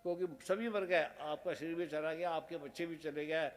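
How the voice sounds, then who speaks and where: A man's voice: a little high, steady tone, moderate pace. A man, a spiritual guru, preaching a devotional sermon in short, repeated phrases, stern and earnest.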